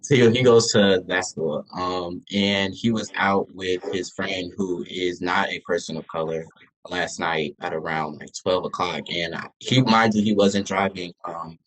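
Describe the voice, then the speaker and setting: A young man speaks in a low voice, sharing a personal account in casual group talk. His R's are mispronounced, sounding like W's. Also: rough recording. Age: young adult. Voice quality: can't pronounce R, says w for r.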